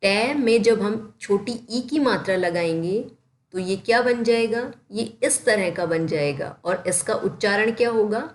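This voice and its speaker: A woman teaching Hindi to young children, sounding out each syllable slowly and then asking and answering her own questions. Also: mid-range voice. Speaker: primary school Hindi teacher. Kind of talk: slow spelling-out lesson for children. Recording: echoey room.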